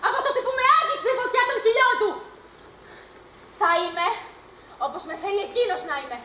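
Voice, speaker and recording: A woman's voice: very high-pitched, sing-song, bright, forceful tone, slight background noise, heavily acted. A woman on stage playing a defiant, passionate youngest sister, declaiming fiercely, recorded live and echoey. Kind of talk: amateur stage acting.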